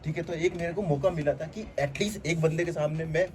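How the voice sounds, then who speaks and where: Reflective man, mellow voice, earnest casual chat, faint background noise. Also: a little high, steady tone, normal speed. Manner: reflective, earnest, explaining at length with many fillers. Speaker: channel host. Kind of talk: casual conversation.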